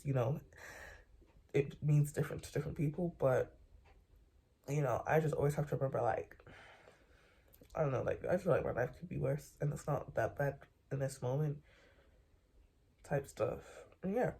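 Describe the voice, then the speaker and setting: Young vlogger, mellow tone, loose rambling late-night monologue from bed, lots of slang and repeats. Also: mid-range voice, normal speed, long pauses, breathy edge.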